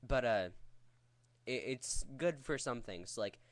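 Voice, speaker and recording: A man's voice: medium pitch, expressive, slow, no room sound. A man giving a casual, rambling vocal technique tutorial in a crude, jokey, profane way. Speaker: vocal tutorial host teaching screaming technique.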